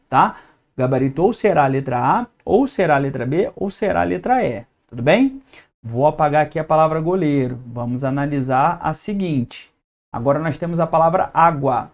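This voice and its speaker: A man's voice: a little high, animated, moderate pace. Brazilian man teaching at a whiteboard. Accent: Brazilian Portuguese. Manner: explains step by step, checks in with "tá?" and "beleza?". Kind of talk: exam-prep lesson.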